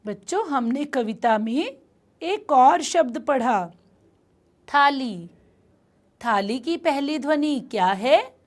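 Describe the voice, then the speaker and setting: A woman teacher giving a phonics lesson to small children, sounding out words clearly and praising them often. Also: sits high, animated, takes it slowly, long pauses.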